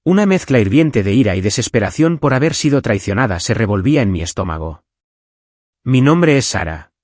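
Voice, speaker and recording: A man narrating a scripted first-person revenge story in an expressive storytelling manner. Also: mid-range voice, brisk, dry recording, studio quality.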